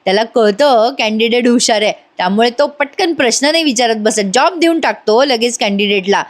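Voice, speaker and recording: A woman's voice: fairly high pitch, brisk, lightly acted. A woman voicing a cheeky young man who jokes and dodges questions, in a playful, teasing manner.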